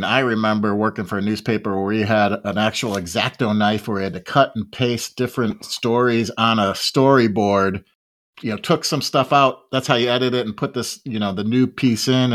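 A man's voice: fairly low pitch, fairly even intonation, fairly quick, fairly bright tone. A middle-aged man hosting a podcast in casual banter, with a joking, teasing way of talking. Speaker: podcast host.

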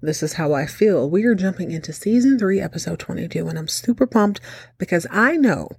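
A woman's voice: lowish voice, expressive, brisk, gravelly, a little mellow, breathy edge, no echo, clean studio sound. A woman hosting a TV recap show with casual, chatty commentary and a campy, sassy, theatrical delivery. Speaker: host of a TV soap recap show.

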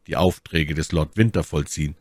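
A man's voice: darkish tone, no room sound. A man voicing a grim, resolute young officer. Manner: somber, low and measured. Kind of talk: audiobook reading.

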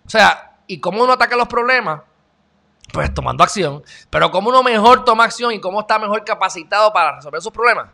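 Man, online show host, gravelly, bright and forceful, sarcastic casual commentary. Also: high voice, fast talker. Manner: animated, sarcastic, talks straight to viewers. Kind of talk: casual commentary reacting to news.

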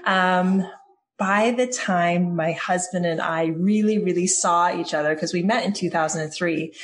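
A woman in her forties from Hawaii, a podcast guest telling her story in a warm, rambling way, with fillers and self-corrections. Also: fairly low pitch, a little slow. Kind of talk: interview answers.

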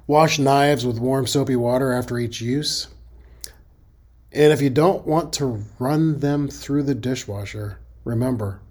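Speaking at a measured pace, this middle-aged Midwestern man has a medium-pitched, somewhat dark voice. He runs a safety podcast, talking in a homey, conversational monologue that occasionally doubles back to fix itself.

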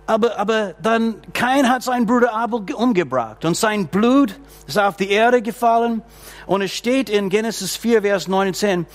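A man preaching a sermon as pastor at a church service. He preaches slowly and deliberately, repeats his key phrases and calls out hallelujah and amen. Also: sits high. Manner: slow, deliberate preaching with drawn-out lines.

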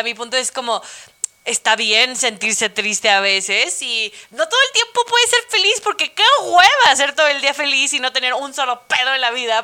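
A young Mexican woman with a bright, forward voice that sits a little high. She speaks in a loose, confiding monologue, slangy and frank, and drops in mild swearing as she goes. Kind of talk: casual reflective monologue.

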